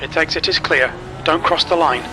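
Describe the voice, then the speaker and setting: A man's voice: moderate pace, close to an everyday voice. A man as a terse race engineer on pit radio. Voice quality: clipped, matter-of-fact callouts. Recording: loud engine rumble behind the voice. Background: racing car engine rumble.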